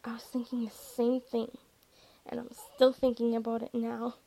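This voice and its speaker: A gentle young woman speaks softly and tenderly, voiced by a woman reading. Her voice is hushed and a little high, with a gravelly texture. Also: monotone, normal speed, rough recording. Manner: soft, hushed.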